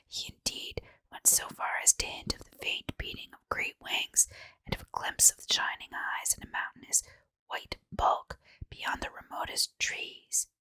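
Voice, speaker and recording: A woman reading a horror story for ASMR in a hushed, breathy, unvoiced whisper, with deliberate, measured phrasing. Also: dry recording. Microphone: close mic, dry.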